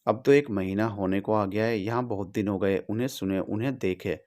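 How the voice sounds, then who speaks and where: A man's voice: fairly low pitch, normal speed, a little mellow, close to an everyday voice. Young withdrawn woman, terse and guarded, read by a male narrator in a raised voice. Audiobook story role. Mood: confiding. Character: young woman, quiet, withdrawn, sharp when cornered.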